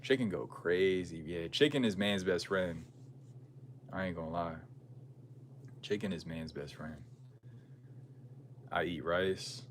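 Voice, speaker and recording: Low-voiced American man chatting casually. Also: slow, long pauses. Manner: slangy, musing, conversational. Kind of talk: casual livestream chat, reading and answering viewer comments. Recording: clear background noise and ambience.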